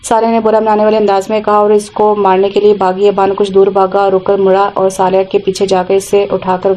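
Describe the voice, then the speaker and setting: A woman narrating an audio novel in an even, unhurried reading. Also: medium pitch, slight background noise, low-quality recording.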